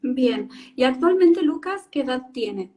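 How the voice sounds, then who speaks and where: A woman's voice: high-pitched, animated, a little slow, warm tone. A woman with an Argentine Spanish accent, a speech therapist hosting a live-stream interview over a video call, speaking in a friendly way with frequent filler sounds.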